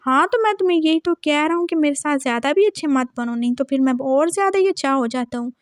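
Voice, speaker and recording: A woman's voice: high-pitched, lively intonation, fast talker, dry recording, studio quality. A woman voicing an affectionate young husband who coaxes and teases his partner. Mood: teasing. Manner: coaxing, teasing.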